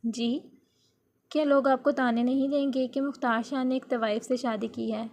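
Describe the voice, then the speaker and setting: A timid young bride in a read-aloud romance story, voiced by a woman narrator. She speaks softly and hesitantly in a fairly high voice. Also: steady tone. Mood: timid, tearful. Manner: soft, hesitant.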